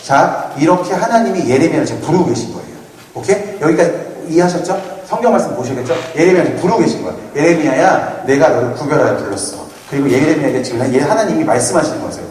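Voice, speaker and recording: Man in his 30s, retreat speaker, animated and teasing, fairly high voice, heard from afar in a reverberant hall. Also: very fast. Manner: playful, asks the audience questions. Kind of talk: lively youth sermon with jokes. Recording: echoey hall, mic from far off, faint noise.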